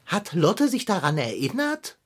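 A woman voicing a calm, wise male tomcat in a children's radio play, talking in a soothing, slightly pompous way. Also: on the low side, measured pace, husky, exaggerated voice. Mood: wry.

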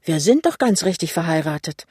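Ein Mann spricht eine eifrige junge Ehefrau. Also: male voice, a little high, very animated, fairly quick, a little mellow, husky, no room sound, clean studio sound. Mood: puzzled. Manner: insistent, rising emphatic questions. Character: young woman, earnest and practical newlywed. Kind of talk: audiobook reading.

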